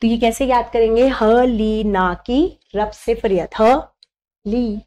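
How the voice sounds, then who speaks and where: A woman teacher giving a chemistry lesson, slowly dictating memory tricks, mixing Hindi with English terms and checking in often. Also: fairly high pitch, steady tone, mellow, dull audio. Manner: slow, repetitive dictation of mnemonics; checks in with "thik hai".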